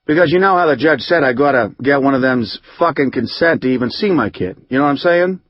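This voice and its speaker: A man reading an audiobook, voicing a rough, hot-tempered recovering drinker who rambles in profane street slang. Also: mid-range voice, animated, fast, dry recording, dull audio, natural voice. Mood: aggrieved. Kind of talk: audiobook narration.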